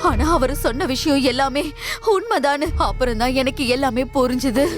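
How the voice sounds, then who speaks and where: A woman's voice: high-pitched, over music, lightly acted. A woman playing a tearful woman recounting the past. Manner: tearful, halting. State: crying. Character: grieving woman recounting her father's past. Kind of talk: dubbed film drama.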